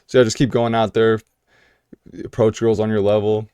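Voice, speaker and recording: A young man from the United States answers viewer questions in a casual vlog, his voice on the low side, warm and clean, with level tone and moderate pace. He talks loosely, restarting often and leaning on fillers like "you know," with no echo.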